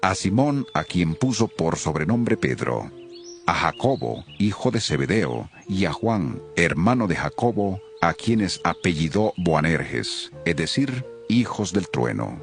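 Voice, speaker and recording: A man narrating a Bible reading in a solemn, expressive scripted style. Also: low-pitched, unhurried, soft background music.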